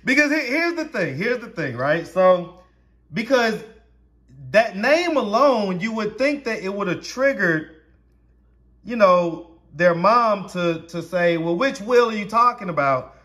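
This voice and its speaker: A man's voice: high-pitched, animated, unhurried, fairly bright tone. A man of thirty-nine with a Southern US accent, running a casual street interview with chatty questions and easy laughter. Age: 30s.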